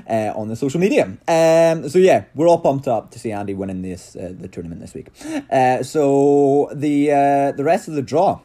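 A Scottish man with a warm, dark-edged voice at a middling pitch hosts a casual sports podcast. He rambles excitably, repeating and restarting phrases as he goes. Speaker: podcast host.

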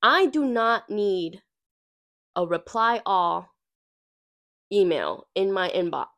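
A woman's voice: mid-range voice, animated, takes it slowly, a bit bright. A woman hosting a podcast in casual, blunt, emphatic and slangy talk, her voice nasal and congested from being sick. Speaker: podcast host.

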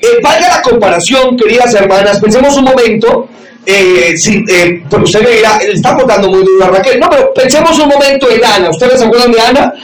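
A man pastor preaching a sermon loudly to a congregation, shouting for emphasis and acting out quoted voices. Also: extremely high pitch, brisk, far from the mic. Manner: acts out quoted voices in dialogue. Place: church or meeting hall with audience. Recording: echoey room, mic from afar, audience noise.

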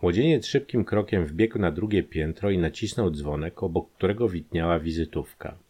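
A man reading a crime novel aloud, with an expressive, lively delivery. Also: moderate pace, husky. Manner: lively, expressive reading that lifts pitch for quoted speech. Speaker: audiobook narrator. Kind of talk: scripted narration of a crime novel.

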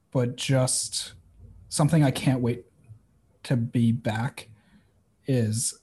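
Slow, husky man on a video call. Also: mid-range voice, dark tone. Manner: laid-back, thoughtful, with filler words. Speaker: freelance call participant. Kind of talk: casual chat.

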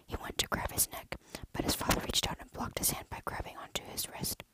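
A storyteller reading a dark horror story aloud in a steady, hushed whisper. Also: brisk.

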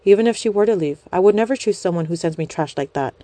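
A woman's voice: on the low side, lively intonation, fast, dark tone, no echo, lightly acted. A woman voicing an angry, protective husband in a narrated story, speaking firmly and accusingly. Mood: angry, incredulous. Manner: firm, accusing, cutting. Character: angry, protective young husband and pop idol.

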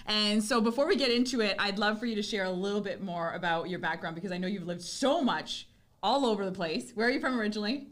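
A woman's voice: medium pitch, quick pace, a bit bright. Bubbly woman podcast host. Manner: bubbly, effusive, laughs often. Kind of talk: casual podcast interview.

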